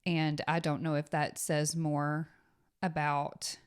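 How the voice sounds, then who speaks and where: A woman in her thirties co-hosting a podcast in relaxed conversation. Her voice sits low and she speaks at an unhurried pace. She comes across as earnest and thoughtful and often murmurs agreement. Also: clean tone. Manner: earnest, thoughtful, with frequent mm-hmms. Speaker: podcast co-host. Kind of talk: casual chat.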